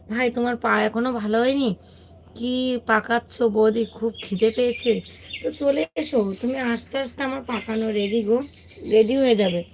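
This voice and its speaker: A woman, hoarse today, hosting a casual live stream and greeting viewers one by one. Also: a little high, background noise.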